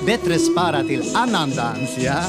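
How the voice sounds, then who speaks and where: A smooth foreign dance charmer in a vintage radio skit. He speaks broken Swedish in a courtly, insistent way, with a slightly raised voice. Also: fairly high pitch, big pitch swings, over loud music.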